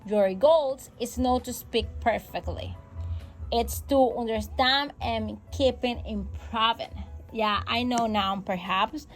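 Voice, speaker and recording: This is a slow, fairly high-pitched woman's voice on poor audio, with faint music in the background. A native Spanish speaker, she hosts a casual English-learning podcast as an English teacher, staying encouraging while repeating key phrases and slipping on small points of grammar.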